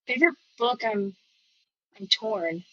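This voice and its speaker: A woman's voice: on the high side, expressive, takes it slowly, a bit bright, no echo, muffled recording. A woman guesting on a podcast, chatting casually with breezy, dry teasing. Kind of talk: casual chat.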